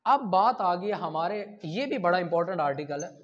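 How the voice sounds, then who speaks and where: This male law lecturer, Pakistani-accented, speaks high, expressive, a little fast and a bit bright. He works through examples, asks and answers his own questions, and slips English terms into his speech, all on dull lo-fi lecture audio.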